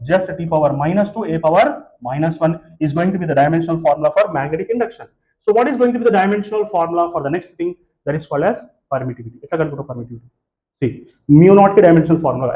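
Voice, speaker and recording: A man's voice: a little high, slow, mellow, rough recording. A man with a Telugu accent teaching physics to a class, switching between English and Telugu, with frequent fillers and restarts. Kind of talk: classroom lecture. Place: classroom with students present.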